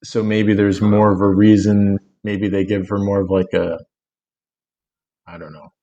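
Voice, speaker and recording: A man's voice: lowish voice, flat delivery, unhurried, warm tone, dull audio. A man co-hosting a film podcast in casual chat, rambling with lots of fillers and frequent laughter. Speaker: podcast co-host.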